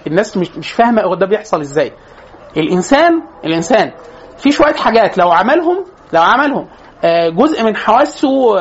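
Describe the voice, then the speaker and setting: An Egyptian man lecturing on psychology at a very fast clip, breezy and joking as he talks to his class. He keeps cutting himself off and starting over. The recording is dull and lo-fi with a faint hum of ambience behind him. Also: high voice. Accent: Egyptian Arabic. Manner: chatty, joking, restarts mid-phrase.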